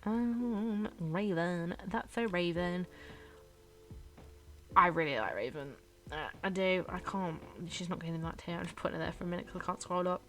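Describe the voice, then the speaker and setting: A woman's voice: lowish voice, moderate pace, fairly bright tone, soft background music. A young woman, chatting casually and rambling with fillers and giggles as she ranks characters. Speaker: YouTuber ranking characters. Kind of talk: casual chat over gameplay.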